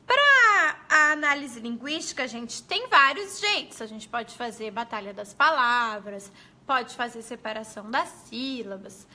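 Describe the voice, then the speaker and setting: A woman explains classroom activities to other teachers in a friendly, conversational way. Her voice sits high and sounds bright and clear. She keeps checking in with her viewers as she goes. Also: lively intonation, measured pace. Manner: chatty, explanatory, addresses viewers as gente. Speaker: pedagogue.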